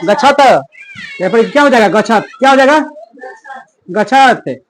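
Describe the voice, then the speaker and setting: A man's voice: very high-pitched, animated, moderate pace, slight background noise. A man teaching a Sanskrit grammar lesson in plain, rustic talk. He keeps asking a question and then answering it himself as a drill. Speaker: Sanskrit tutor.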